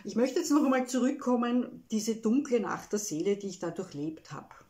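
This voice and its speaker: A woman with an Austrian accent gives a personal, reflective self-help talk, speaking emotionally and haltingly with frequent tag words. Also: a little high, animated, warm tone. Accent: Austrian German.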